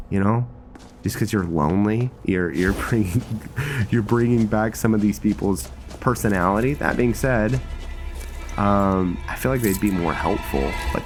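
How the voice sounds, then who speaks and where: A man's voice: low-pitched, a little hiss or hum. A man giving casual let's-play commentary on a role-play game, thinking aloud in rambling, broken-off phrases. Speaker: gameplay host.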